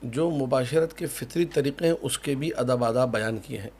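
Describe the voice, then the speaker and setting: A man's voice: mid-range voice, darkish tone, breathy edge. A man, a cleric who officiates weddings, speaking emphatically on a panel with repetitive lists and folksy asides. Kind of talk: conversational religious talk on a panel.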